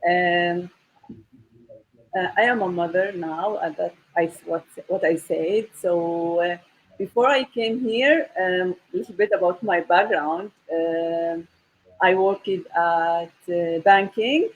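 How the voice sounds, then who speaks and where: A woman's voice: on the low side, takes it slowly, low-quality recording. A woman in her thirties from the Golan Heights, co-hosting a casual talk show over a video call and restarting her sentences often. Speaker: co-host.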